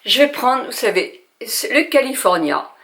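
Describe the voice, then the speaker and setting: A woman's voice: a little high, sing-song, measured pace, fairly bright tone. An older woman from France chatting through a makeup tutorial at home, talking straight to her viewers with frequent hesitations. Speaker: beauty vlogger.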